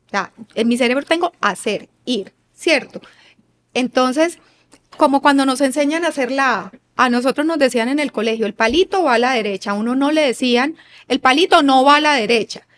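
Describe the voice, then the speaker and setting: A woman's voice: high-pitched, brisk. A woman, a guest expert on child rearing, explaining in an earnest, didactic way. She acts out parents and children, and she often checks in with rhetorical questions. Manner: asks listeners rhetorical questions. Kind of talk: explanatory interview talk.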